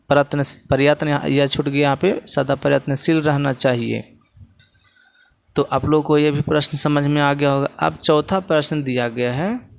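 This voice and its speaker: A man's voice: fairly high pitch, smooth. A male teacher with a Bihari Hindi accent explains textbook answers to students, often repeating phrases as he points to the page.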